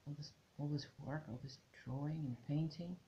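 A woman's voice: low voice, normal speed, mellow, lo-fi sound, a little hiss or hum. A woman vlogging about tarot at home, chatting to camera in a musing way and trailing off into restarts. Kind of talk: casual chat to camera.

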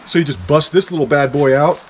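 Slight background noise accompanies a hiking vlogger, a Kansas man in his forties, as he reviews gear on an outdoor back deck in winter. He speaks a little fast with a voice on the high side, staying chatty and jokey and sometimes bursting with excitement.

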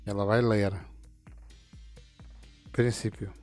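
A fifties-aged man talks viewers through a chat setup. His voice sits low, and he rambles and restarts as he clicks through menus. Faint music plays underneath. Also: little pitch movement, darkish tone. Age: 50s. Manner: meandering, halting explanations with frequent restarts. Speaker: gaming channel host. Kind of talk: casual screen-recorded tutorial.

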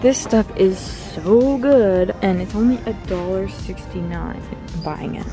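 A woman's voice: medium pitch, a little slow. Casual upbeat woman in her twenties, handheld camera in a big store, music in the background. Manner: chatty, upbeat, laughs often. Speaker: vlogger. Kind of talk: casual shopping vlog chat. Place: large retail store, indoors.

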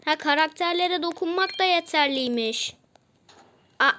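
A woman's voice: sits high, unhurried, pushed and bright, slight background noise. A woman casually commenting on a mobile game as she plays, chatty and easily exasperated, often repeating herself.

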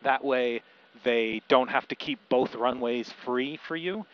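A man's voice: mid-range voice, takes it slowly. Male pilot instructor on a muffled cockpit headset. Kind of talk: explanatory cockpit lesson with radio calls. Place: small airplane cockpit. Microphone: aviation headset. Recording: dull aircraft intercom, engine noise.

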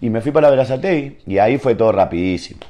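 A man's voice: mid-range voice, lively intonation, rapid-fire, dull audio. A young man with a Rioplatense Argentine accent, a football player telling stories in a casual interview at home, rambling loosely and tagging lines with "viste". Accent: Rioplatense Argentine Spanish. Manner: loose, rambling storytelling with many "viste" tags. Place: his home.

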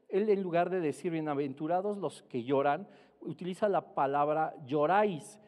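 A man preaching a sermon, explaining Bible words slowly and rising in pitch and volume to stress his points. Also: darkish tone. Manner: explains Greek words slowly, spelling them out. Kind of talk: sermon teaching. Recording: long reverb hall.

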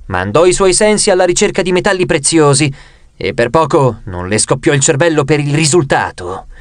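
A man's voice: moderate pace, no room sound, clean studio sound. A man reading an audiobook aloud, narrating expressively and raising his voice for the characters' lines. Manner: expressive, raises pitch for quoted lines.

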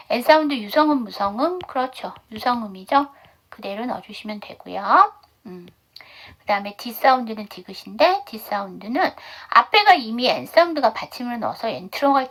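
Woman teacher on a video call, slightly husky, lively voice that rises and falls a lot. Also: a little high. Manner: explains step by step, asks the class quick questions and answers them herself. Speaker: English teacher. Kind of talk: online pronunciation lesson.

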